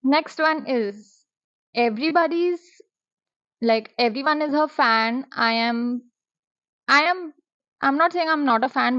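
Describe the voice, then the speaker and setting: A woman, talking through book reviews in a chatty, expressive vlog style. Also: fairly high pitch, dry recording. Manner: chatty, expressive, drops in Hindi words. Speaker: booktuber. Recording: dry, slightly muffled.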